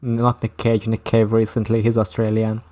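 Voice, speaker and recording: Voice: medium pitch, monotone, moderate pace, mellow. A speaker on a podcast, chatting casually and laughing easily. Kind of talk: casual group chat.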